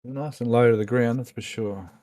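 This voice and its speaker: A man's voice: medium pitch, fairly even intonation, moderate pace, dark tone. A tired man hosting a casual live stream from a small plane, stumbling over his words and apologizing. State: tired late at night. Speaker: photographer narrating a live flyover stream.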